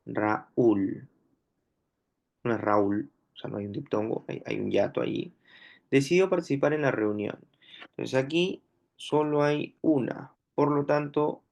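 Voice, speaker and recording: A man with a Peruvian Spanish accent teaching a grammar lesson, slow and deliberate, repeating each example word aloud. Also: medium pitch, vocal fry. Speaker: language teacher.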